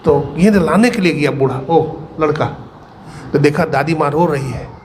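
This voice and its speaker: A man's voice: fairly high pitch, moderate pace, slight background noise. Folksy man preaching a parable. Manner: folksy, acts out the people in his parable. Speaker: spiritual teacher. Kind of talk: storytelling sermon. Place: satsang gathering hall.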